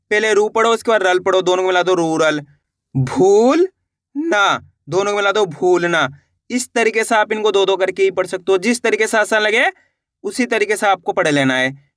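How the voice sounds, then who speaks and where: A man teaching children to read, sounding out each letter slowly and then repeating the whole word. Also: high voice, fairly bright tone, no room sound, studio quality. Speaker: Hindi reading teacher. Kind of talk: patient spoken lesson.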